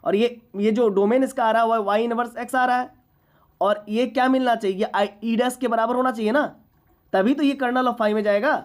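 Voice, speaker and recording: A woman's voice: on the high side, fairly even intonation, normal speed. A woman teaching a university maths class, lecturing patiently and often asking whether students follow. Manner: patient, checks understanding often.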